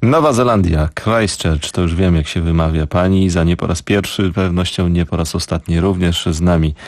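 A man's voice: deep voice, normal speed, darkish tone, no room sound. A man hosting a live morning radio show, reading out listener greetings in a chatty way and chuckling at his own stumbles over foreign place names, in a studio at a microphone.

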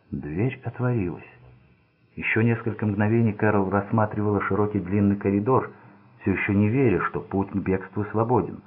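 Low husky male narrator on a tinny line. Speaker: audiobook narrator. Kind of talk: scripted narration. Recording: phone-like narrow band.

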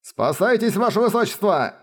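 A loyal royal advisor shouts urgent commands to protect his princess, voiced by a man reading an audiobook. His voice is raised and forceful. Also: on the high side, sing-song, unhurried, breathy edge, heavily acted.

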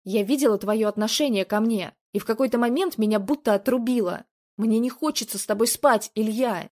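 A woman reading the part of a betrayed young woman who accuses and shouts at her cheating boyfriend. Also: a little high, brisk, lightly acted. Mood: bitter. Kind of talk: storybook reading.

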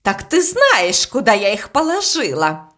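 A woman's voice: high-pitched, very animated, a little slow, a bit bright, voice pushed up, exaggerated voice. A woman voicing a strict, suspicious governess who snaps out accusations. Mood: angry, accusing. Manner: snapping, accusing.

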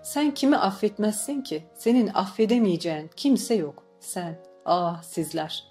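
A woman's voice: mid-range voice, a little slow, darkish tone, faint music behind, natural voice. A woman doing a bitter old grandfather. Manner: gruff, bitter outbursts.

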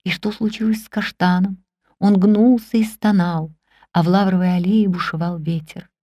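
A woman narrating a classic novel in the first person, calm and measured. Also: lowish voice, no room sound, clean studio sound. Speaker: audiobook narrator.

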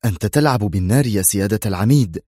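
A man's voice: lowish voice, lively intonation, very fast, a little mellow, no echo, clean studio sound. A man voicing a nervous male intelligence aide who keeps questioning his commander in a strained, pleading tone. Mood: tense.

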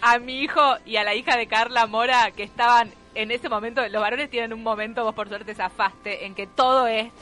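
A woman co-hosting a casual radio show, chatty and quick to laugh as she tells stories. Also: fairly high pitch. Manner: chatty, laughs easily, animated storytelling. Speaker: radio co-host. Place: radio studio.

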